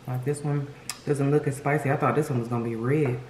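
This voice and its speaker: A woman's voice: a bass voice, fairly even intonation, fairly quick, a little mellow. Woman chatting while eating, roomy echo. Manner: eating while talking, with savouring mm sounds. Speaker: mukbang host. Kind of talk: casual food-tasting chat to viewers. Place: indoor room at home, seated at a table. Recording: roomy echo with background noise.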